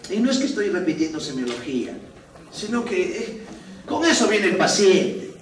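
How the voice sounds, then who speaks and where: A man's voice: sits high, normal speed, a little hiss or hum. A man giving a medical lecture to students, playfully acting out patients' complaints. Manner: animated, acts out patients' complaints with laughs. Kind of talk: classroom lecture. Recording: roomy distant classroom recording.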